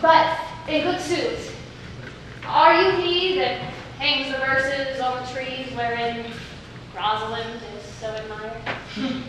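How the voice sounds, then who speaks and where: A woman's voice: high voice, steady tone, takes it slowly, long pauses, a bit bright. A woman on stage playing a witty, teasing young heroine disguised as a youth, declaiming playfully in Shakespearean style. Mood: teasing, animated. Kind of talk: live Shakespeare stage acting. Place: stage performance, recorded from afar. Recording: distant, echoey stage recording with faint noise.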